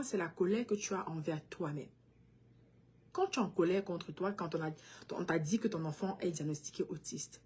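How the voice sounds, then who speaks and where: Earnest Cameroonian woman, lowish voice. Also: a little mellow, breathy edge. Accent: Cameroonian French. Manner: earnest, addresses parents directly, slips into English. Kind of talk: casual direct-to-camera talk.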